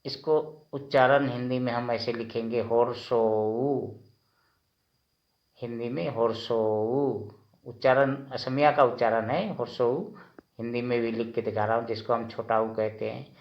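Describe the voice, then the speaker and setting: A man teaching vowel sounds, saying each sound slowly and repeating it several times. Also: medium pitch, steady tone, roomy sound, lo-fi sound. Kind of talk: slow language lesson.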